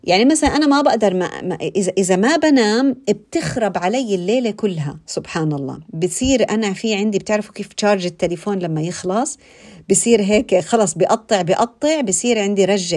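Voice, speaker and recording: A woman giving an informal religious talk, conversational and animated, repeating phrases and asking her listeners questions. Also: mid-range voice. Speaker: religious speaker.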